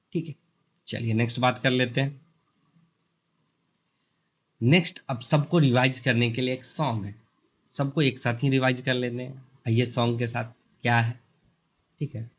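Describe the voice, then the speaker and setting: A man's voice: mid-range voice, steady tone, normal speed, pauses often. Casual Indian man teaching grammar. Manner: explains with simple analogies, often checks in with the learner. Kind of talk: casual Hindi-English lesson.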